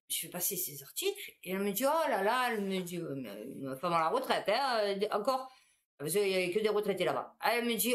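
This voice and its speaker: A woman, a supermarket cashier, telling anecdotes in a casual, animated monologue. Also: medium pitch.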